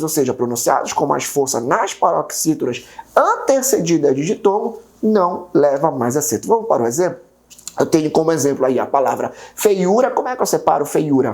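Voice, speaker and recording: Brazilian woman teaching, lively low voice. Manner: asks and answers own rhetorical questions; repeats key rules, checks in with viewers. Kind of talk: exam-prep grammar lesson.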